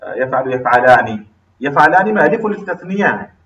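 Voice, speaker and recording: Lively man teaching in an echoey classroom. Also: mid-range voice, moderate pace, dull audio. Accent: Pakistani Urdu. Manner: drills students with questions, repeats terms emphatically. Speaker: Arabic grammar teacher. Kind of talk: classroom grammar lesson. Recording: roomy classroom, mic far off.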